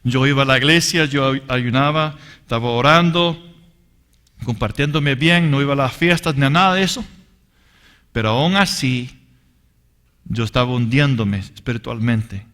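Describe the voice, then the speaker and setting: A man's voice: mid-range voice, a bit bright. A man teaching a sermon with personal testimony, earnest and emphatic, addressing the listeners as brothers. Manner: deliberate and emphatic. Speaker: Bible teacher.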